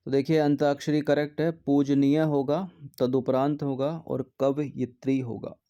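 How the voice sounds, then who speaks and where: A man with a warm, mellow voice works through grammar exam questions one at a time. He reads each option aloud, then checks them methodically and corrects the wrong ones in a steady teaching tone. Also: mid-range voice, normal speed.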